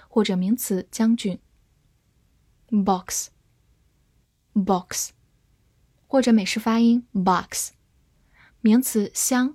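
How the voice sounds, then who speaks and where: A woman giving a scripted English vocabulary lesson, spelling words letter by letter and reading example sentences slowly and carefully. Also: mid-range voice, warm tone, dry recording, clean studio sound. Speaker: English teacher.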